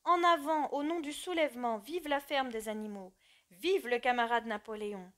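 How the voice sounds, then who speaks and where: A woman voicing a sly, smooth-talking male pig who gives a sanctimonious speech in a storybook reading. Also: on the high side, moderate pace, fairly bright tone, lightly acted. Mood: mock sorrow.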